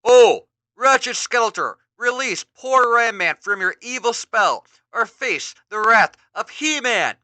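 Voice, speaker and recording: A man's voice: high-pitched, expressive, unhurried, pushed and bright, dry recording, voice pushed up, exaggerated voice. A man voicing a bold, noble male warrior hero who speaks in grand declarations. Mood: heroic. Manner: grand declaiming heroic speech.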